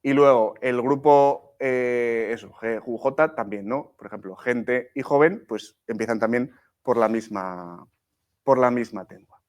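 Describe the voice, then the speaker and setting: A man's voice: mid-range voice, a little slow, darkish tone. A man from leading a live writing workshop, explaining step by step, with many restarts and frequent "¿sí?" and "¿vale?" checks to the class. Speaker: workshop teacher.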